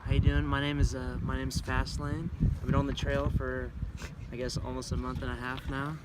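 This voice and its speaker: A young man from Tennessee introduces himself in a laid-back way, his voice staying level and even. Steady background noise runs through the recording. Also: mid-range voice, fairly quick. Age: 20s. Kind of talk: casual introduction.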